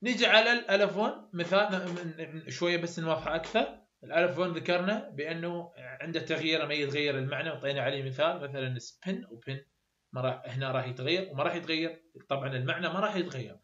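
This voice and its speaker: Higher-voiced Iraqi male tutor, roomy lo-fi. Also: fast, pushed and bright. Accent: Iraqi Arabic. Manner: repeats example sounds over and over, plain explaining. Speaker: university English tutor. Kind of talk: explanatory lecture. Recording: roomy, dull lo-fi sound.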